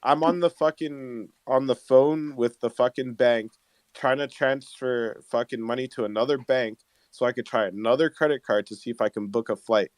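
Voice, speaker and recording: A man in a casual online group chat, venting with plenty of swearing. His voice sits at a middle pitch. The sound is dry and close, with no room around it. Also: moderate pace, no room sound. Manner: swears a lot, frustrated rant.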